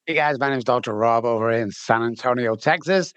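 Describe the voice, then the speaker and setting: In this dry, muffled recording, a middle-aged addiction recovery specialist from Manchester, England, speaks as an interview guest. His mid-range voice is fairly bright and fairly quick as he recounts his story openly and chattily, frequently repeating words when he starts over.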